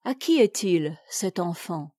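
A woman voicing a gentle young mistress of the house who speaks softly and soothingly in a read-aloud novel. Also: on the low side, lively intonation, slow pace, dry recording, clean studio sound, voice pushed down. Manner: soft, hushed and soothing.

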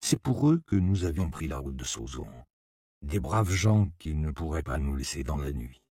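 A man narrating a first-person story in a measured, somber way. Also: rumbling low, big pitch swings, darkish tone, no echo, studio quality.

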